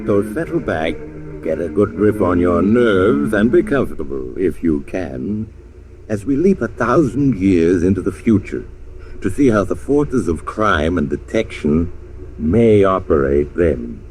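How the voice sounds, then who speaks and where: An actor playing an enigmatic traveler, narrating eerie radio tales in an ominous, measured, theatrical manner. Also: male voice, low-pitched, big pitch swings, a little mellow, a little hiss or hum. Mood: sinister welcome. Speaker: host and narrator.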